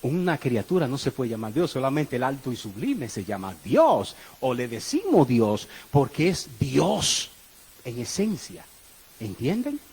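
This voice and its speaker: A male preacher giving a sermon, questioning the congregation and swinging between loud exclamations and low murmurs. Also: sing-song, measured pace, breathy edge, poor audio.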